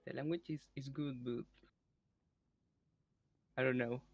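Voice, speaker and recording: Slow gravelly man. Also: mid-range voice, steady tone, muffled recording, faint music behind. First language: Spanish. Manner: hesitant, repeats words, careful phrasing. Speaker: chat partner. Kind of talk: halting casual chat in a second language.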